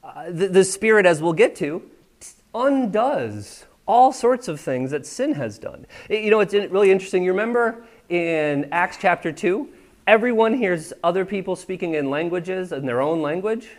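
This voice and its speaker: In a church sanctuary, a pastor from the United States delivers his sermon in a chatty style, frequently making sure the congregation is keeping up. He speaks at a normal speed in a voice that sits high, with lively intonation.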